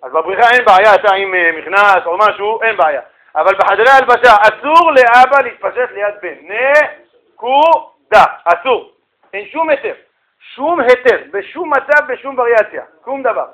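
Male Torah teacher, bright high voice, emphatic storyteller who acts out the dialogue. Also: expressive, poor audio. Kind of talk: colloquial Talmud storytelling class.

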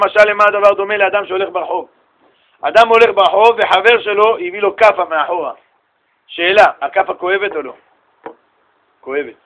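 A middle-aged rabbi from Israel tells stories in a lively sermon, his voice high and bright with a forceful edge. He jumps into the voices of the people in his tales and teases his listeners as he goes. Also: low-quality recording. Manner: animated, acts out voices and shouts in stories, banters with listeners. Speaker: rabbi giving a Torah lesson.

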